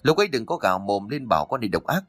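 A man's voice: mid-range voice, animated, fast, fairly bright tone, no room sound, faint music behind. A man voicing a cruel daughter-in-law who scolds with snarling contempt. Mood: spiteful.

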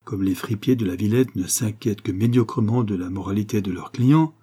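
A man narrating a novel for an audiobook in a steady, measured way. His voice is low and dark with a husky edge.

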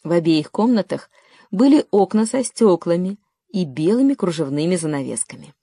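A woman narrating a children's story in a calm, even way. Her voice sits low and mellow, recorded close and dry with no room around it. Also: moderate pace, slightly rough, no echo. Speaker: audiobook narrator. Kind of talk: scripted narration.

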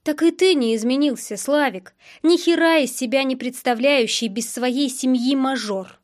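A hot-tempered young man, read by a woman narrator, curt and swearing, hitting his words hard. The voice sits a little high for a man and stays loud and pushing throughout. It is audiobook character reading. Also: moderate pace, close to an everyday voice. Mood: menacing. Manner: heated, emphatic shouting in bursts.

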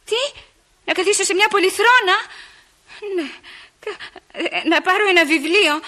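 An actress in a radio play voicing a flirtatious, theatrical lady of the house, lively and coquettish in manner. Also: very high-pitched. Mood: excited playful. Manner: lively, coquettish, quick mood swings. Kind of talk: 1960s Greek radio theater acting.

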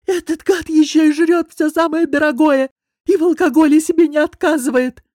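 A woman reading aloud voices a sick, hoarse middle-aged male boss shouting over the phone. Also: very high-pitched, fairly even intonation, moderate pace, dry recording, studio quality, voice pushed up. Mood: hoarse indignant. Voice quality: hoarse, yelling. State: sick, coughing.

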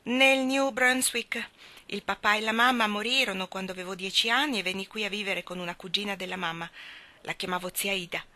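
A woman's voice: mid-range voice, brisk, sharp tone, lightly acted. A woman reading the lines of a wry, self-mocking young man in an audiobook.

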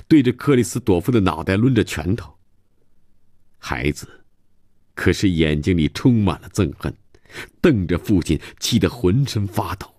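A man reading a novel aloud as a radio storyteller, with calm, measured narration. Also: low voice, dry recording, clean studio sound.

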